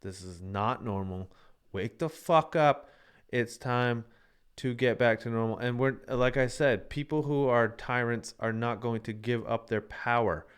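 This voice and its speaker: A man's voice: medium pitch, fairly even intonation, a little slow, clear, resonant tone. A man hosting a live-streamed show, talking casually and ranting in a heated, profane way. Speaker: livestream show host.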